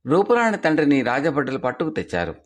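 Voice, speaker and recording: A man's voice: a little high, fast talker. A man telling a folk tale for children, bringing the dialogue to life as he reads. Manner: lively expressive telling with acted dialogue. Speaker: storyteller. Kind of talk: storytelling for children.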